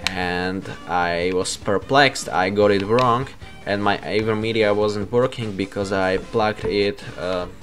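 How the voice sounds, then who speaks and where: Young male vlogger, low-pitched, halting, self-correcting. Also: fairly bright tone, faint music behind. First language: Slovak. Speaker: YouTuber. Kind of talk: casual vlog talk.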